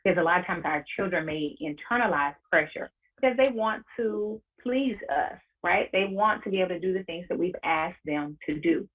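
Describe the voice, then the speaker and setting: A woman coaching parents in an online workshop, speaking in a measured, encouraging way and repeating key phrases. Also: fairly low pitch. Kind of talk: webinar workshop presentation. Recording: tinny phone-like audio.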